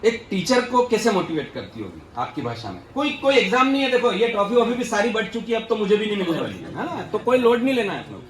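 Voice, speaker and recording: A man with a very high voice gives a lively motivational talk and cracks jokes at his listeners. He is heard from a distance in a very echoey hall with faint noise behind him. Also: fast talker, hardly any pauses. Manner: joking, asks the audience questions. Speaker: speaker at a youth leadership session. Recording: roomy echoey hall from far off.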